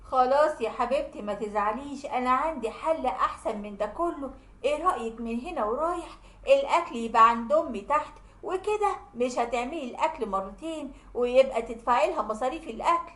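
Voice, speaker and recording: A woman's voice: high voice, expressive, a little fast, a bit bright. A woman voicing a mild young Egyptian husband who soothes and coaxes his wife. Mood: coaxing. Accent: Egyptian Arabic. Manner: coaxing, soothing. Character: placating young husband, mild and smooth-talking. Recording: roomy echo.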